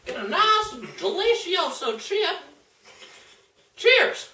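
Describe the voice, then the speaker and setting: A very high, squeaky cooking-show host played by a young man who slides all over his register and takes his time over every word. He hams it up with a folksy drawl, calling out to the folks at home. The sound is a roomy home kitchen picked up by a camera across the room, with a bit of clatter behind. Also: big pitch swings, slow, bright, forceful tone, heavily acted. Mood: hammy. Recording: echoey kitchen, far camera mic, faint noise.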